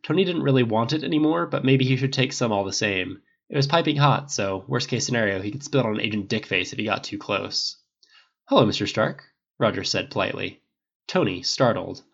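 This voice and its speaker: A man narrating a fan-fiction audiobook in an expressive, wry way, on a dull lo-fi recording. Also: mid-range voice, brisk, creaky, breathy edge.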